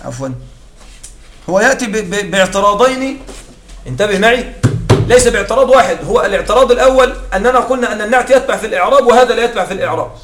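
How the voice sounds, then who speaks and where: Speaking very fast in a high, expressive voice, a man lectures a class on Arabic grammar, breaking it down step by step and often asking students to confirm they follow. The recording is distant and echoey, with a noisy background.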